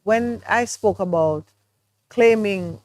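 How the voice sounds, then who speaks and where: A Jamaican woman co-hosting a morning talk show shares her views in an earnest, reflective manner during a studio discussion. Her voice sits at medium pitch and she speaks slowly.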